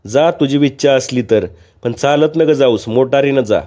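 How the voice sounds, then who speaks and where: A man's voice: medium pitch, normal speed, dark tone, lightly acted. A man voicing a worried adult son from a village who talks bluntly in a raised voice. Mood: earnest.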